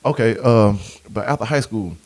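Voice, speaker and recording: A man's voice: lowish voice, moderate pace, a little mellow. A man hosting a casual interview podcast, laid-back and laughing easily as he hypes up his guest. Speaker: podcast host.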